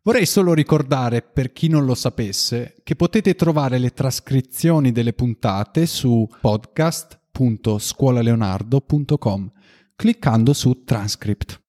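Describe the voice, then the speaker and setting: An Italian man co-hosting an educational podcast for language learners, in scripted dialogue with measured, explanatory phrasing. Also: medium pitch, warm tone. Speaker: podcast co-host.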